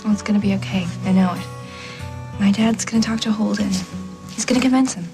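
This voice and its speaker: A woman's voice: medium pitch, fairly quick, music in the background, lightly acted. An actress playing a hopeful teenage girl. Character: hopeful teenage girl reassuring her boyfriend. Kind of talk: daytime soap acting.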